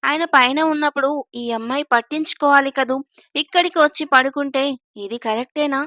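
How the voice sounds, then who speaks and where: A fussy, scolding older mother-in-law from a spoken family storybook, as a woman narrator plays her, talking in a high, bright voice. The sound is close and dry. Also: brisk, no echo.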